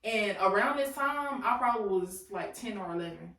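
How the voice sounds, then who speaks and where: A woman in her late twenties co-hosts a podcast, telling stories and chatting loosely with lots of laughter. She speaks at normal speed in an animated, mid-range voice with a fairly bright tone. The mic is at a distance in an echoey room, with slight background noise.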